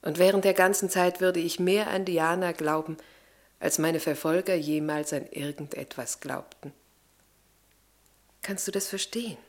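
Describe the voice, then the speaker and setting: Earnest, devout Lavinia. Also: female voice, lowish voice, unhurried. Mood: gentle earnestness. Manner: earnest, expressive, swelling from hushed to fervent. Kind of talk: German radio play acting.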